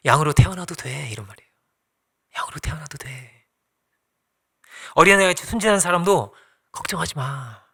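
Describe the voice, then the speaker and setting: A man's voice: a little high, sharp tone. A middle-aged male pastor preaching a sermon in church, telling family stories and acting out the quotes with laughs. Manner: storytelling with acted-out quotes and frequent laughs. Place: church sanctuary.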